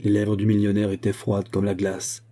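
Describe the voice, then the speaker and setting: Male audiobook reader, kinda husky, low voice, slow steady reading. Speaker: audiobook narrator. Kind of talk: scripted narration of a classic novel.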